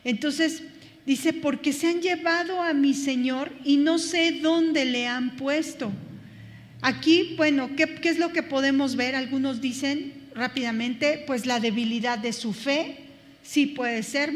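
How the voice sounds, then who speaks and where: A woman's voice: high-pitched, long reverb tail. A woman teaching a Bible study class, thinking aloud with many fillers and restarts.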